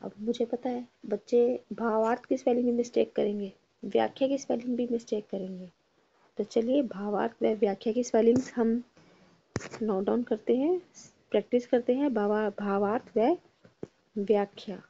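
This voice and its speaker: Woman, teacher, slow deliberate spelling-out, slightly high voice, husky, muffled lo-fi sound. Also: fairly even intonation, warm tone. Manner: patient, repeats words syllable by syllable, has students repeat after her. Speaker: Hindi teacher. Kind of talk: slow spelling-out lesson for students. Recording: dull lo-fi recording.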